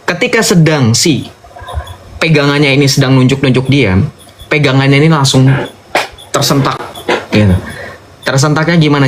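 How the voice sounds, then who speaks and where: A man's voice: mid-range voice, background noise. Emphatic young man telling his story. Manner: informal, emphatic, addresses listeners as brothers and sisters. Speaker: convert giving testimony. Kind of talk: animated personal testimony.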